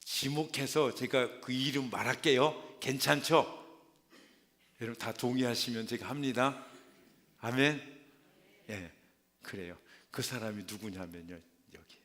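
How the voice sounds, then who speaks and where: A man's voice: measured pace, pauses often. A man preaching a dramatic sermon in a church, asking the congregation question after question and acting out the voices he quotes. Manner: dramatic, acts out quoted voices with big swings in pitch and loudness; asks the congregation rhetorical questions. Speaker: pastor. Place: large church sanctuary. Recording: long hall reverb.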